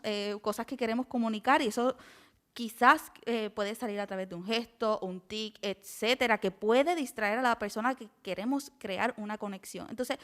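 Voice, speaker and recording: Woman podcast host, slightly high voice. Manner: hesitant, searching for words. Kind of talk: podcast interview.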